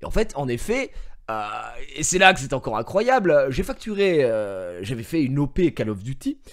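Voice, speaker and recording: A male streamer telling a story to his viewers in an expressive way, swinging from mumbling to shouting and swearing, on a headset mic. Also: medium pitch, normal speed. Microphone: gaming headset.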